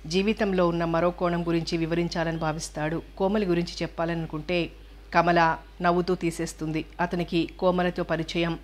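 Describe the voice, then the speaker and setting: A woman narrates a novel for an audiobook with even, measured pacing. Her voice is low and her pitch stays flat, giving a steady, unbroken reading.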